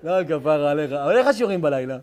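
A man's voice: on the high side, expressive, darkish tone. A man, a rabbi, giving a live Torah lesson to an audience, bantering affectionately with the crowd and turning heartfelt when he speaks of faith.

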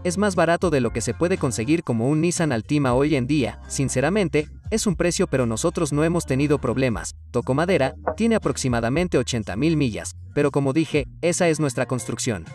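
A young man with a somewhat high voice talks through a home tour, upbeat and enthusiastic. His voice sounds a bit distant from the mic, with soft music playing underneath. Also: expressive, fairly quick, hardly any pauses. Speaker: vlogger giving a tour. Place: inside a converted shuttle bus.

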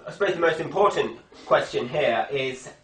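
A man's voice: on the high side, animated, normal speed, natural voice. A young man playing an earnest TV reporter, in the manner of a parody news anchor. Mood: polite interviewing. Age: young adult. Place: indoor hospital ward, camera microphone at a distance. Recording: echoey room, distant microphone.

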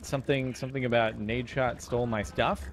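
A man's voice: medium pitch, fairly even intonation, a little fast, slight background noise. A man chatting with friends during a game, curious and full of questions about what he missed. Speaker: fellow player. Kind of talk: casual gaming chat.

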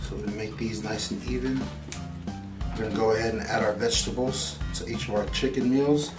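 A man's voice: fairly low pitch, distant mic. A man casually walking viewers through a home cooking tutorial in his kitchen, chatty and easygoing as he cooks. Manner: relaxed, chatty, talks while cooking. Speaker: cooking vlogger.

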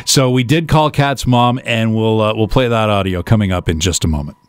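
A man with a fairly low voice talks casually as a morning radio host. His delivery is halting, with phrases repeated, and the sound is close and dry. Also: smooth, dry recording. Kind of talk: casual on-air chat.

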